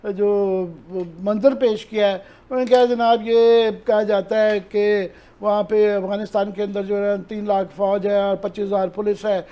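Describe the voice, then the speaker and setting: A man with a Pakistani Urdu accent speaks as a talk-show analyst. His voice sits high for a man and has a mellow, soft tone. He explains things earnestly and sprinkles in English terms. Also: flat delivery, few pauses, clean tone. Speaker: political analyst.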